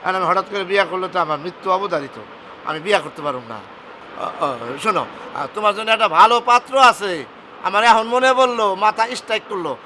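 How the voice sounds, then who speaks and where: A man's voice: high voice, brisk, pushed and bright, a little hiss or hum. An actor playing a nervous, flustered boss who stammers and pleads his way out of a forced marriage in a comedy drama. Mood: pleading. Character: nervous, flustered boss man trying to escape.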